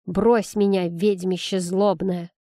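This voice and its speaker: A woman's voice: mid-range voice, flat delivery, slow, mellow, no echo, clean studio sound, natural voice. A woman voicing a plump, melodramatic male magic chipmunk who squeals, whines and huffs. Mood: squealing, sulky. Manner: squealing, whiny and huffy.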